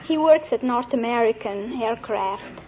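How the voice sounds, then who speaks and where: High-voiced woman telling a rambling story. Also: a little slow, warm tone, slight background noise. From Egypt. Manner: earnest, rambling anecdotes. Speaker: contestant, housewife. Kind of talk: chatty storytelling. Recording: lo-fi vintage broadcast recording with audience.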